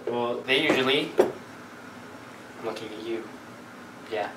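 A young man hosting a home cooking video, joking about himself in a casual, excitable chat. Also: medium pitch, unhurried. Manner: goofy, self-mocking, excitable. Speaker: host cooking. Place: home kitchen. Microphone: camera across the room. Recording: echoey kitchen, distant camera, noisy.

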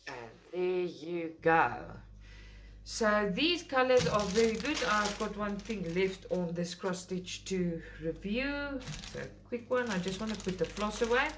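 A South African woman whose first language is Afrikaans hosts a craft vlog, chatting casually to camera as she unboxes items at an indoor table filmed from overhead. Her mid-range voice is expressive and unhurried, and she rambles enthusiastically with self-corrections. The background is noisy.

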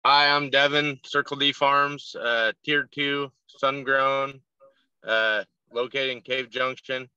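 Man with a sharp, crisp voice, plain and brief, over muffled call audio. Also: mid-range voice, little pitch movement, slow pace, no echo. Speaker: farmer, co-op member. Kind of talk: casual online meeting.

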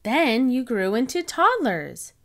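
A woman's voice: a little high, sing-song, takes it slowly, exaggerated voice. Woman reading as a kind mother pig. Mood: fond. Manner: gentle, explaining.

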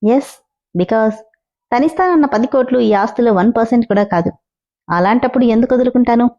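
Cocky smug young guy read by a woman, highish, mellow tone, bit muffled. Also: fairly quick. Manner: calm, teasing, self-assured. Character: confident scheming young man, mocking and cool.

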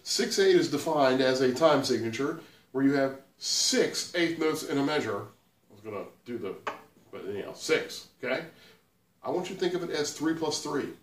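Relaxed male guitar teacher, roomy and distant. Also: medium pitch, moderate pace. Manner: relaxed, counts beats aloud while playing. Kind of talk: instructional demonstration. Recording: roomy sound from off-mic, loud guitar. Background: loud guitar playing.

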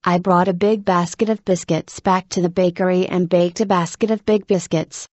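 A woman reading scripted tongue twisters aloud with careful, deliberate articulation. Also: fairly low pitch, fairly even intonation, darkish tone, no room sound.

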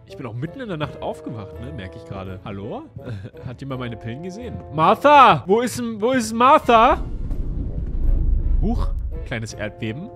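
A man's voice: on the high side, very animated, moderate pace. Jumpy, jokey male gamer with game music. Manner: jumpy and jokey, yelping and exclaiming often. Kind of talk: let's play commentary.

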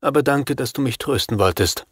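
A man of medium pitch reads an audiobook slightly quickly, his voice natural and the studio recording free of echo. Portraying a worried middle-aged father who fears for his son, he sounds anxious, agitated, desperate and pleading.

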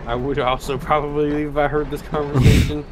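A man's voice: fairly high pitch, little pitch movement, fairly quick, noisy background. A man in casual gaming banter, grumbling and swearing. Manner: grumbling, profane. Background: music and game sounds.

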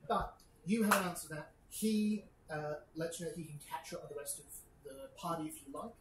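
Low-voiced woman game master, echoey room. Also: fairly quick. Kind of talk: improvised tabletop game narration. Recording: roomy echo, clear background noise.

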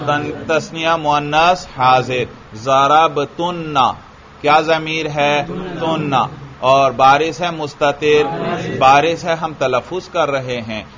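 A man's voice: on the high side, steady tone, lo-fi sound, crowd noise. Man drilling grammar forms in class. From Pakistan. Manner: drills students with repeated questions; chants word forms slowly. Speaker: religious teacher.

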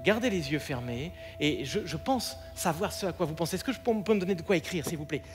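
A man's voice: a little high, lively intonation, fast, music in the background. A man performing as a mentalist on stage, coaxing and directing a volunteer in a theatrical, commanding way, in a live theatre with long reverb.

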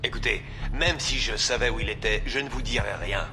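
A man's voice: lowish voice, a little fast, natural voice. A man playing a defiant mercenary soldier in a sci-fi video game, answering curtly. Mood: curt defiance. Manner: curt, defiant. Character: defiant male mercenary foot soldier in armour. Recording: game audio under loud music.

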